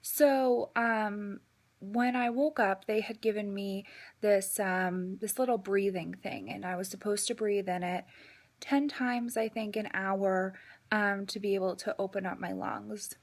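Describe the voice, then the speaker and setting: Female vlogger, casual personal update, halting delivery with drawn-out pauses, mid-range pitch. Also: fairly even intonation. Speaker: vlogger giving a health update.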